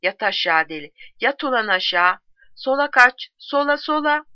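A desperate male soldier yells his lines in raised, strained tones, as a woman narrator puts him on. He sounds furious and cornered, and the storybook recording is dry and slightly muffled. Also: on the high side, expressive, normal speed, dry recording, pitched above the performer's own voice, close to an everyday voice. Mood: yelling. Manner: shouting, furious.

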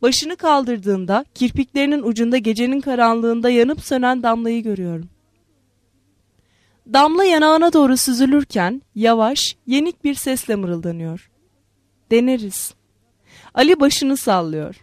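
A woman reading a literary novel aloud in a measured, expressive way. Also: on the high side, no room sound, clean studio sound. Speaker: narrator. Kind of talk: literary audiobook narration.

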